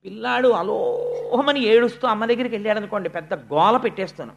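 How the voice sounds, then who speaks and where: An expressive speaker gives a devotional discourse, retelling a sacred story for listeners. The delivery slows for weighty points and speeds up in the narration. Verses are chanted in a measured cadence. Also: medium pitch, gravelly. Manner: expressive, shifting between slow emphasis and quick narration, chanting verse.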